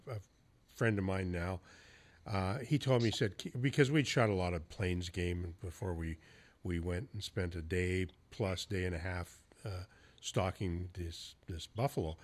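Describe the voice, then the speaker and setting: In a low voice at a moderate pace, a man running a podcast shares hunting stories during casual interview conversation. The telling is easygoing and a bit profane, with laughs mixed in.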